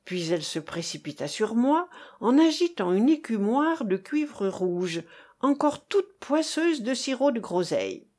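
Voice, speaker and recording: A woman reads a literary story aloud in a theatrical, expressive way. Her voice sits fairly high and moves a great deal. She takes her time over each phrase. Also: a little slow. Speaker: audiobook reader. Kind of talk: scripted literary narration.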